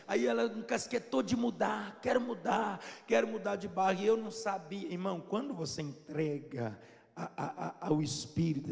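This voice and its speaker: High-pitched gravelly-voiced pastor from minas gerais, animated sermon storytelling, echoing church hall. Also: male voice. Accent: Brazilian Portuguese, Minas Gerais.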